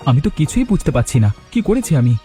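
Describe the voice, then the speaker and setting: A poor, desperate villager, played by a man in a cartoon, pleading his innocence. His voice is dark and his speech is quick, with soft music behind him. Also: a little high, big pitch swings. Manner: pleading and earnest. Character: poor young village man accused of theft. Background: background music.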